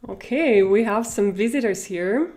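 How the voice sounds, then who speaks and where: A Russian-accented woman in her forties gives a live online language lesson from a home room lined with bookshelves, speaking into a wired earphone mic. She's friendly and chatty, laughs often, and uses lots of fillers. Her mid-range voice is a little slow and a little mellow.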